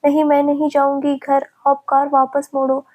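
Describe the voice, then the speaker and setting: A woman's voice: high-pitched, completely flat delivery, moderate pace, darkish tone, natural voice. A woman voicing a frightened young woman who pleads anxiously through tears.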